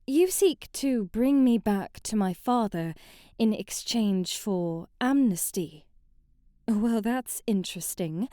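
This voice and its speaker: In a scripted ASMR roleplay, a woman plays a haughty, sheltered young princess who is prim, bratty, easily flustered and fond of formal, old-fashioned phrasing. Her fairly high, warm voice sounds offended and superior. The recording is studio quality with no echo.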